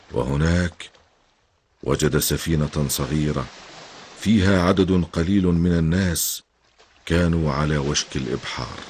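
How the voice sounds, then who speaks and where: An older man narrating a story as a grandfather, in a measured, solemn way. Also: a bass voice, darkish tone, husky.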